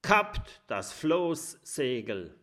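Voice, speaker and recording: A man voicing a gruff, scheming male pirate captain from a children's storybook, bellowing his commands. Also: mid-range voice, big pitch swings, very slow, bright, forceful tone, pitched above the performer's own voice, full character voice. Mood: domineering.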